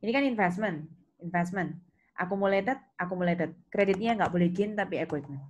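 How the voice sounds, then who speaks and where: An accounting teacher with a lowish voice and a fairly quick pace gives an interactive lecture on worksheet entries. She instructs step by step and asks questions to check understanding. Keyboard typing and clicks are clearly audible in the background.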